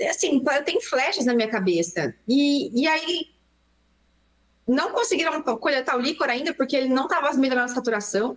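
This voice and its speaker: A young adult Brazilian woman, a pediatrician, recounting a frightening story in an interview with fast, emotional narration. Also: sits high, a bit bright. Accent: Brazilian Portuguese. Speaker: pediatrician guest.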